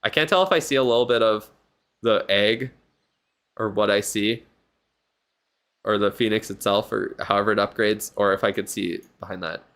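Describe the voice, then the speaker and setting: A man's voice: on the low side, moderate pace, long pauses, a bit bright. A tired man streaming live, giving casual, rambling commentary on a viewer's game account and thinking aloud with lots of fillers. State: yawning, tired.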